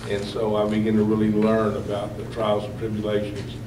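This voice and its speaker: A man's voice: fairly low pitch, monotone, a little fast. Rambling male professor from Texas, echoey. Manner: rambling, repeats himself. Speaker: political science professor. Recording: echoey hall from far off, room noise.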